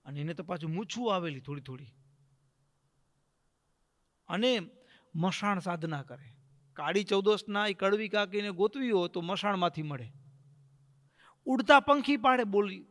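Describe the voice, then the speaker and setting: Preacher, high voice, dramatic storytelling sermon, hall echo. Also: male voice, animated, unhurried, long pauses, fairly bright tone. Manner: dramatic, acts out the characters' voices.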